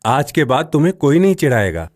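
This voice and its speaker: A woman voicing a gentle, reassuring father crow in a cartoon story. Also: deep voice, big pitch swings, quick pace.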